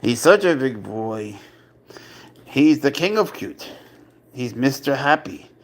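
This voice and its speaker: A man's voice: medium pitch, big pitch swings, takes it slowly, a little hiss or hum. A man hosting a casual live stream, chatting playfully and talking doting baby talk to his pet, laughing often.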